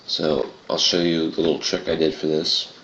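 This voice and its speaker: A man with an extremely low, gravelly voice walks through a software tutorial in a casual style. His throaty tone comes through a dull, lo-fi home recording with roomy echo. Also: flat delivery, moderate pace. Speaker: tutorial presenter. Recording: muffled, roomy home recording with clear noise.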